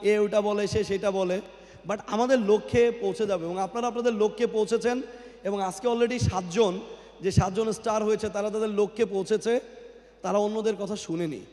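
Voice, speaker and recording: Male motivational speaker, high voice, crowd-quizzing, cathedral-like echo on a hall PA. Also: steady tone, a little fast, dark tone. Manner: quizzes the crowd, mixes English into his talk. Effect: cathedral-like echo from a large hall. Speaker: guest speaker at a company event. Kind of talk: motivational speech to an audience. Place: large indoor event hall. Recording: long hall reverb on a PA microphone.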